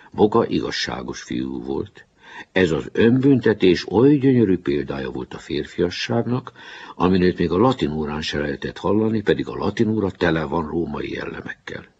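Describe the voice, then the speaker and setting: A man narrating a storybook chapter in a lively, expressive way. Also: deep voice, gravelly, husky. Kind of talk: storybook reading. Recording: dull lo-fi recording.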